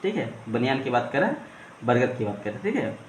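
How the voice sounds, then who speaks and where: A man's voice: medium pitch, very animated, fairly quick. A man teaching English, reading a story line by line and explaining each phrase in Hindi. He keeps repeating "ठीक है" and asks questions that he answers himself. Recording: roomy echo, faint ambient noise.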